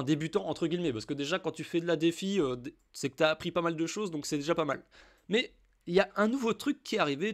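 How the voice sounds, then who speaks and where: A man from France walking the viewer through a crypto tutorial in a casual, chatty way, with frequent fillers. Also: fairly high pitch. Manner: chatty, addresses viewer informally with many fillers. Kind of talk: casual screen-recorded tutorial.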